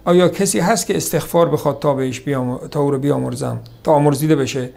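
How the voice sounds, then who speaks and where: A man giving a religious lesson on hadith, reciting Arabic quotations slowly, then explaining them in a conversational lecturing way. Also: on the high side, creaky, mellow. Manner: conversational lecturing, repeats points. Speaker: religious teacher. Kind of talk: sermon on hadith.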